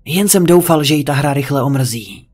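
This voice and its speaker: A man's voice: a little high, lively intonation, darkish tone. A man narrating a horror story in the first person, reading it as a tense tale. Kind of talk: creepypasta narration.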